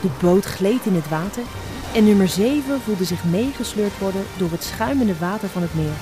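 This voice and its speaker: A woman narrating a children's fable with a lively, expressive reading. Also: mid-range voice, normal speed, music in the background. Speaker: storyteller.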